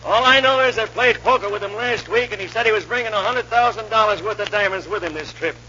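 An actor playing a ruthless, bossy outlaw who talks gruffly in rough western slang. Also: male voice, high-pitched, quick pace, sharp tone, a little hiss or hum. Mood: scheming. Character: ruthless male outlaw, bossy, cold-blooded. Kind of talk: 1940s radio acting. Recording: muffled old radio recording.

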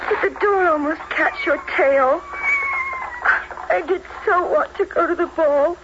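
A woman's voice: very high voice, measured pace. An actress playing a sweet, wistful young servant girl, meek and earnest, in a children's fairy-tale drama. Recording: dull lo-fi recording with faint noise.

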